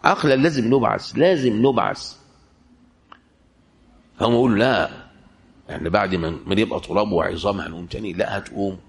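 A man with an Egyptian Arabic accent giving a religious lecture, firing rhetorical questions at listeners and slowing down to recite verses. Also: lowish voice, vocal fry. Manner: rhetorical questions, shifts into slow Quran recitation. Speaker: preacher.

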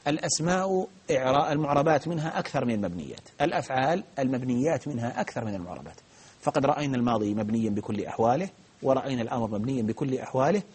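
A man gives a grammar lesson in a rough, husky voice. He talks quickly and patiently, working through each point with frequent restarts and hesitations. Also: mid-range voice, darkish tone. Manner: patient, explains step by step with many restarts and fillers. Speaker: Arabic grammar teacher. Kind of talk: live grammar lesson with questions.

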